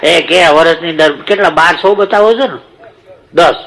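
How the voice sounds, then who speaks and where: A man's voice: on the high side, unhurried, creaky, fairly bright tone, poor audio. A man with a Saurashtra Gujarati accent doing a stage comedy monologue, telling jokes and a story in a folksy way and repeating words for effect. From Gujarat, India. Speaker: stand-up comic storyteller.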